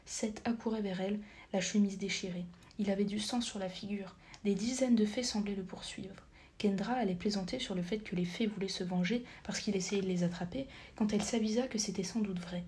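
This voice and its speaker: A woman narrates a story in a soft half-whisper for an audiobook, her medium-pitched voice steady and brisk. She corrects occasional slips, and there's slight hiss or hum in the recording.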